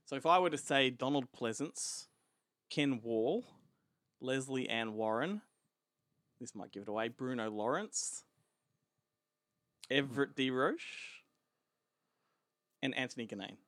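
A man's voice: mid-range voice, lively intonation, measured pace, pauses often, a bit bright, no echo, clean studio sound. An Australian man co-hosting a podcast, telling a film's story in casual chat and laughing often. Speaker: podcast co-host.

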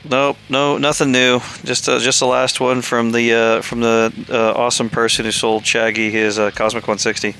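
A man hosting a hobby podcast, talking in a relaxed way with lots of fillers. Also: mid-range voice, normal speed, few pauses, soft background music. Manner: relaxed, filler-heavy talk. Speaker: podcast co-host. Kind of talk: casual podcast sign-off.

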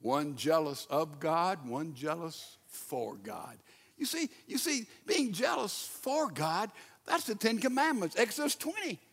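A male pastor preaching a sermon, emphatic, with sudden loud bursts and repeated rhetorical questions. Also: high-pitched, big pitch swings, unhurried, slightly rough, in a large hall.

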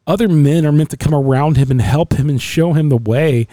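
A man's voice: a little high, fairly quick, dark tone, no echo. A middle-aged man in casual conversation on a podcast, telling stories earnestly and emotionally, with many restarts.

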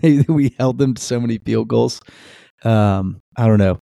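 A man's voice: mid-range voice, moderate pace, creaky, warm tone, no room sound, studio quality. A man co-hosting a casual sports podcast, rambling with lots of ums and restarts. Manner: rambling with many fillers and restarts. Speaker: podcast co-host.

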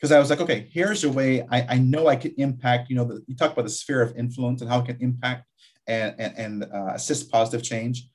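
Man from guyana in an interview, college admin, thoughtful and halting, middle pitch. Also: steady tone, a little mellow. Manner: reflective, with frequent restarts and fillers. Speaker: community college vice president. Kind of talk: interview conversation.

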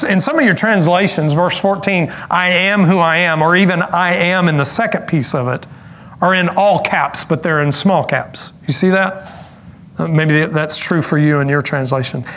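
A man preaching a sermon in an earnest, explanatory tone. His voice sits a little high for a man. He slows down to stress key points and drops in casual asides, with a faint hiss behind him. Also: fairly bright tone. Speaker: pastor.

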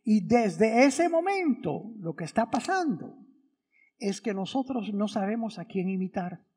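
A man's voice: sits high, expressive, a little slow, a little mellow. A man, a priest, giving a conversational Sunday homily and asking the congregation many rhetorical questions. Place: church during Mass. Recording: long church reverb.

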